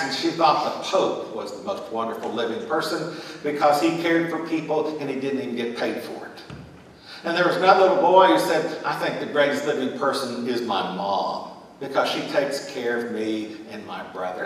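A middle-aged man, a pastor, telling a story in a sermon with animated gestures in a large church sanctuary. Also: mid-range voice, slight background noise. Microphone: distant room mic. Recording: echoey sanctuary from far off.

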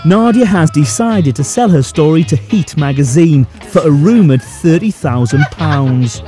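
Mellow male narrator, slightly high-pitched. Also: expressive, a little slow, soft background music. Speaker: programme narrator. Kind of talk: scripted narration.

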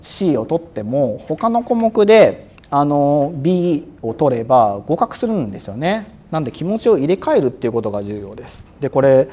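Man lecturing with lively pitch. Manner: brisk and loud on purpose, with frequent fillers; acts out examiners and exam-day self-talk. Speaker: exam prep instructor.

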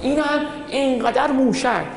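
A cleric lecturer with an Iranian Persian accent and a very high voice gives a religious lecture in a large hall, his words ringing with long reverb. He tells stories energetically and keeps asking his listeners rhetorical questions.

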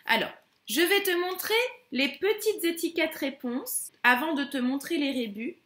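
Sing-song woman teacher, high voice. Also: animated, a bit bright, echoey room. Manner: slow, sing-song, emphatic syllables. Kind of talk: phonics lesson for young children.

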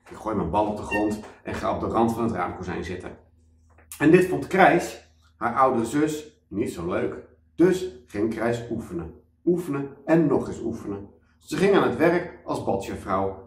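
A man, a children's author, reading a children's story aloud as a lively storyteller. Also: medium pitch. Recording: echoey room, mic at a distance.

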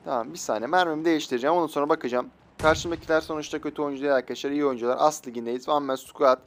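A young man streaming a mobile shooter game, excitable, swearing and joking at other players as he plays. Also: fairly high pitch, racing. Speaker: gaming streamer. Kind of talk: live mobile game commentary. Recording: faint game gunfire behind.

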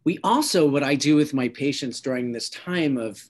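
A man, a psychologist, giving a calm instructional talk on stress and breathing techniques, guiding listeners step by step with frequent restarts. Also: mid-range voice, normal speed.

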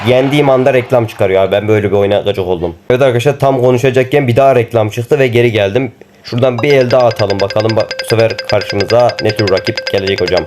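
A young man commenting on a mobile football game he plays, excitable and teasing his opponents as he talks to viewers. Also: mid-range voice. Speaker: gaming YouTuber.

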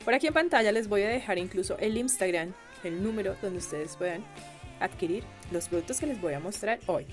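A young Colombian woman with a Colombian accent, chatting warmly with viewers as a beauty vlogger, gushing and exclaiming over products she unboxes. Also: medium pitch, expressive, a little fast, faint music behind. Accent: Colombian Spanish.

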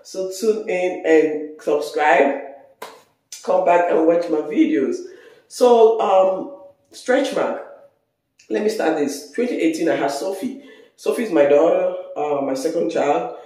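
A woman in her thirties with a Nigerian accent, chatting casually on her vlog, hoarse, congested and tired. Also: lowish voice, slow, dark tone. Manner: chatty, rambling. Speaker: vlogger. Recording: very echoey room.

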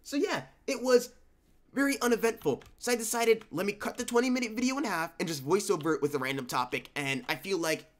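A man's voice: high-pitched, a little fast. Young male gaming creator, sick-sounding voice, loose chatty voice-over delivery. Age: young adult. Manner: rambling, conversational, restarts. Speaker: gaming YouTuber. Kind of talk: casual voice-over commentary. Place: at home.

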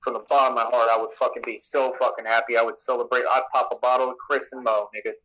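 A man's voice: medium pitch, little pitch movement, quick pace, bright, forceful tone, low-quality recording. A man in played clips, ranting aggressively with profane, threatening, swaggering talk.

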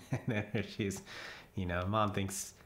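A man tells his jungle memories as a relaxed voice-over, with a voice sitting a little low. He chuckles as he goes and often trips and restarts mid-sentence. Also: slow. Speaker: vlogger telling jungle memories. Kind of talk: casual storytelling voice-over. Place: voice-over, not recorded in the jungle.

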